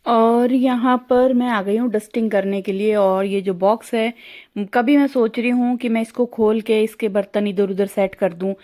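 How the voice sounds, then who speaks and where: A woman's voice: fairly high pitch, fairly even intonation, moderate pace, warm tone. A woman in her thirties with a Rajasthani Hindi accent, chatting casually to her viewers as she does chores around her home. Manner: chatty, talks to viewers while doing chores; whispering so her sleeping husband is not woken. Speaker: vlogger. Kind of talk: casual home vlog chat.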